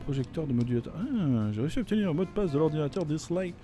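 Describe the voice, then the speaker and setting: A man with a fairly high but mellow voice gives casual let's-play commentary. He jokes, swears and reads game text aloud. Faint music plays behind him. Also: expressive, racing. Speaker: gameplay commentator.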